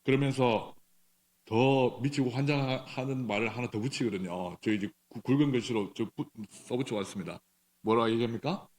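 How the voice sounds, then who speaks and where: A middle-aged man preaching a sermon in a church, speaking conversationally, asking the congregation questions, with some halting restarts. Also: medium pitch, darkish tone. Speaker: pastor. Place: church sanctuary.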